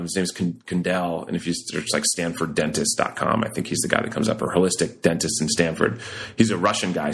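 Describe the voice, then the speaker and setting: A man chatting casually on a podcast in a relaxed, conversational way, laughing easily. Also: low-pitched.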